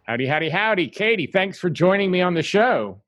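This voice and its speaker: Rambling, animated male podcast host. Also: sits high, brisk, no room sound, soft background music. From South Carolina, US. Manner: animated and rambling, lots of "you know" asides. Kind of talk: casual interview chat.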